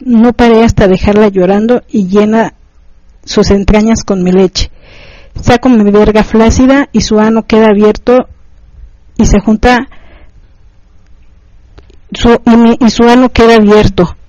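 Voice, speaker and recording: A woman reading a first-person erotic story aloud, in steady, even short phrases. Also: fairly high pitch, no room sound, muffled recording. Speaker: narrator.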